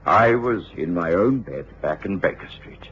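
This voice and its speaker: Doctor Watson, very deep English narrator. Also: male voice, lively intonation, slightly rough, exaggerated voice. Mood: weary, reflective. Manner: measured, reflective storytelling. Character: gentlemanly doctor narrating his own ordeal. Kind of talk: 1950s-60s British radio drama narration. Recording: dull, slightly noisy old radio recording.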